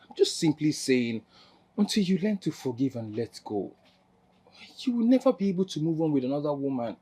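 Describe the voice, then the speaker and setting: A man's voice: a little high, big pitch swings, a little fast, warm tone, husky. An actor playing a frank friend earnestly advising a man to forgive. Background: film score music.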